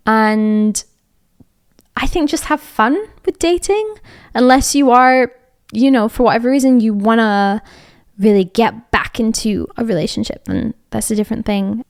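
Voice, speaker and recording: A young Scottish woman with a light Edinburgh accent hosts a podcast, offering rambling, casual advice packed with fillers and restarts. Her medium-pitched voice is smooth, in a dry recording with clean studio sound.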